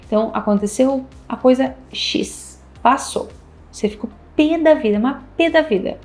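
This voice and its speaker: A woman's voice: high-pitched, normal speed, a little mellow. A Brazilian woman, a couples therapist, giving relationship advice in a casual, emphatic way and repeating her key points. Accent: Brazilian Portuguese. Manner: emphatic, repeats key phrases, acts out little dialogues. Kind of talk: casual advice talk to camera.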